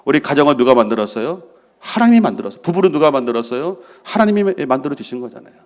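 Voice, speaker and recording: A man's voice: medium pitch, big pitch swings, very fast. A middle-aged man preaching a sermon as senior pastor, asking the congregation questions and answering them himself. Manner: drops to a soft hush for prayers he acts out.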